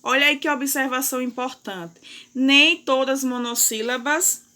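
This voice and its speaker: Woman teacher, high and bright, slow careful delivery with repeated examples. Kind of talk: recorded classroom lesson.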